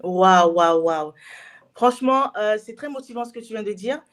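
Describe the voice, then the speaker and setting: A woman's voice: medium pitch, lively intonation, moderate pace. A woman hosting a casual interview, effusive and often exclaiming in amazement. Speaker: host.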